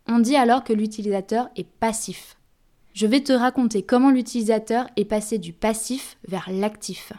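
A woman's voice: a little high, moderate pace, mellow. A young woman hosting a podcast, talking to the listener in a friendly, casual scripted way. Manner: friendly, addresses listener directly. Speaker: podcast host.

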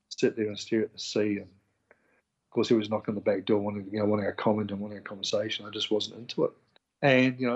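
A man with a New Zealand accent, an interview guest, tells his story in casual conversation with plenty of animation, acting out the voices of people he quotes. His voice is lowish, and the sound is lo-fi.

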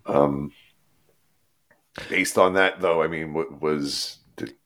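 A man with a very deep voice co-hosts a comedy podcast in loose, casual chat. He talks bluntly, swears freely and often circles back to restart a thought. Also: steady tone, slow, fairly bright tone. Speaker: podcast co-host.

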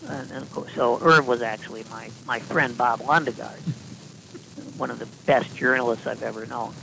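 A man, a podcast guest, telling long anecdotes in a deadpan style with dry asides and frequent restarts. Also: mid-range voice, moderate pace, gravelly, noisy background. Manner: deadpan, self-correcting storyteller with dry asides. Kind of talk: casual anecdotal storytelling.

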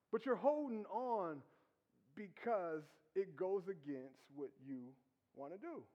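A man preaching with a high voice, teasing and conversational as he works the congregation with rhetorical questions. His sermon rings out in a church hall with a long reverb and a dull, muffled tone. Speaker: pastor.

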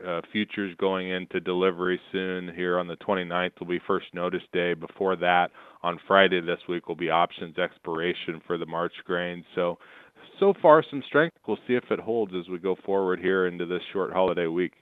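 A man talking over the phone as a market analyst guest, giving steady commentary with frequent fillers. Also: low-pitched, normal speed, clean tone, no room sound. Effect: heard over the phone. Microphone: telephone. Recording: narrow phone line.

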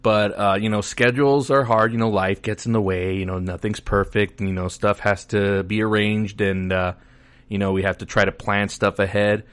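A man's voice: lowish voice, level tone, moderate pace, fairly bright tone, clean tone. A man with an American accent hosting a show solo in an informal, rambling, casual style. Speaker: podcast host.

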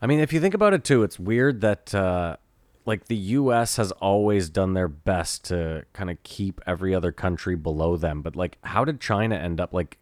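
Guy with a lowish voice, blunt and rambly, podcast chat, dry sound. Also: expressive, moderate pace, darkish tone, dry recording. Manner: blunt, profane, loose rambling talk. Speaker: podcast co-host. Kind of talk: casual chat.

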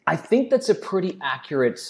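A man's voice: a little high, fairly quick. A man in his thirties from the United States, a podcast guest talking casually with frequent fillers and restarts. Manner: relaxed, rambling with fillers and restarts. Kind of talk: casual conversation.

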